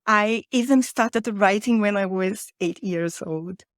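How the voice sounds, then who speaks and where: In studio-quality audio with no echo, a Brazilian woman talks a little slowly in a medium-pitched voice. An author and podcaster from Rio de Janeiro with Portuguese as her first language and a Brazilian accent, she's a conversational guest in an interview.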